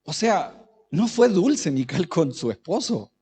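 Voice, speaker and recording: A man's voice: high voice, sing-song, slow, slightly rough. A man preaching a sermon as pastor, chatty, often turning questions to the congregation. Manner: conversational, asks the congregation questions, varies loudness. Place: church. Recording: echoey church hall.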